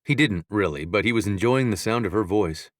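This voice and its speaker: A man with a fairly low voice narrates a romance novel, calm and measured. The recording is dry and close, with no room sound. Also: dry recording. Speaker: audiobook narrator.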